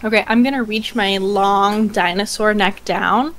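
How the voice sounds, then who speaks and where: Female game player, medium pitch, casual conversational delivery. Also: unhurried, a crowd in the background.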